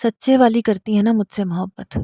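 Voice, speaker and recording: An earnest, lovesick teenage boy who is a little sulky, voiced by a woman reading a story. He pleads and speaks from the heart in a mellow, unhurried way. The sound is close and dry. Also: mid-range voice, no room sound, lightly acted.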